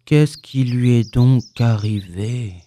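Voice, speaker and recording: A woman voicing a gloomy old grey male donkey in a storybook reading, speaking slowly in a low, sombre, sighing voice. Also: mellow.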